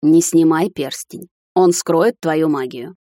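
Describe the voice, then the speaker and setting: A woman voicing a cold, imperious middle-aged high witch who speaks calmly and sternly. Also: slow, no room sound, studio quality. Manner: calm, stern, commanding.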